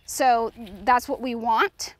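A middle-aged woman gives an informal cooking demonstration outdoors on a lawn next to a food truck, explaining steps as she works. Her voice is a little high, with fairly even intonation and a slow pace.

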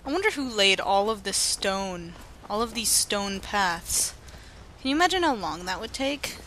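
A woman's voice: mid-range voice, sing-song, measured pace, sharp tone, slight background noise. A young woman giving playful, sarcastic commentary over her gameplay, narrating her character in the third person. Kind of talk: playful let's-play commentary.

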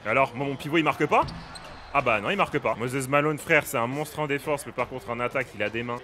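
A young man playing a basketball video game, giving excitable, casual commentary, often shouting at the action and laughing. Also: medium pitch, fast talker, faint music behind. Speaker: gaming streamer.

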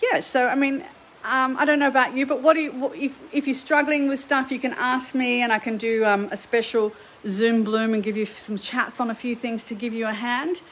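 A woman's voice: fairly high pitch, steady tone, moderate pace, fairly bright tone, low-quality recording. A middle-aged woman with an Australian accent, an art teacher chatting live to viewers from her home painting studio in an upbeat, chatty way. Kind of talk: live stream chat to viewers.

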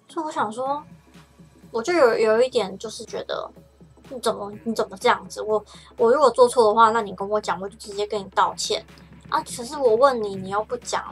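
Chatty young Taiwanese woman streaming. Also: a little high. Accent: Taiwanese Mandarin. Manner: chatty and rambling, with frequent stammered restarts. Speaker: livestreamer. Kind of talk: casual livestream chat.

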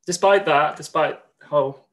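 A man in his thirties from Greece, a poet speaking with slightly nervous earnestness and reading his poems in a measured way on a video call from a room at home. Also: on the high side, fairly bright tone. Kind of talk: poetry reading at an online launch.

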